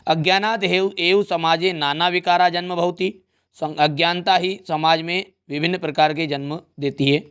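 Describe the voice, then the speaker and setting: A man's voice: fairly high pitch, fairly even intonation, normal speed, a bit bright, clear, resonant tone. A young man teaching an exam revision lesson, explaining step by step in a friendly way and often checking in with his students.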